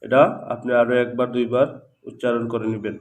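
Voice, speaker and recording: A man teaching Quran reading in a spoken lesson, slowly reciting letter sounds one by one. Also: mid-range voice, flat delivery.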